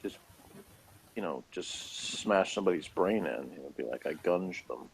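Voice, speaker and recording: An American podcast co-host chats casually while reviewing a TV episode, sounding laid-back, dry, and blunt. His low, gravelly voice is expressive and moves at a normal speed. The recording is low quality, with slight background noise.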